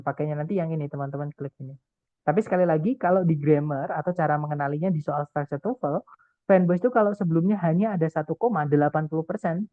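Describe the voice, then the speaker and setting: A man's voice: a little high, dry recording. A man tutoring an online class, explaining step by step and often addressing the group directly. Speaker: TOEFL tutor. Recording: tinny call audio, dry.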